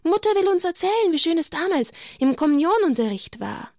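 A woman's voice: extremely high pitch, a little fast, no room sound, clean studio sound, voice pushed up, heavily acted. A woman reading the part of an eager little shepherd girl in a children's storybook. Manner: excited, pleading storybook reading.

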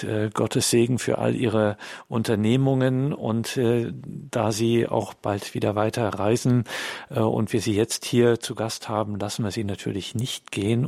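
A man presenting on the radio, giving a formal, measured announcement to listeners from the studio. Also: lowish voice, a little mellow, no echo.

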